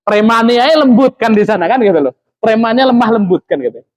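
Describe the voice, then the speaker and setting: A man's voice: extremely high pitch, animated, fairly quick, low-quality recording. A man giving a religious study lecture as an Islamic teacher, talking in a conversational way with frequent tag fillers. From Lampung, Indonesia.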